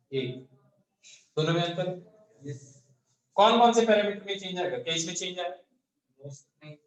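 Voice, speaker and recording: A high-pitched male physics teacher lectures a class. He fires question after question and answers each one himself. The echoey classroom rings around his voice.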